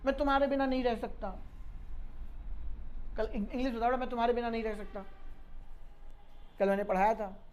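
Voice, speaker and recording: A woman's voice: fairly high pitch, fairly even intonation, fairly quick, long pauses, darkish tone, a little hiss or hum. A woman teaching English grammar in a lecture, scolding and teasing her students. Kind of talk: classroom lecture.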